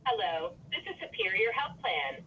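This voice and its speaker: A woman's voice: medium pitch, sing-song, normal speed. A woman speaks as an automated health plan caller, heard over a landline phone. Her message is recorded and formal, and she reads out a phone number. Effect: voicemail message over a landline phone. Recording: distant, dull phone line with faint noise.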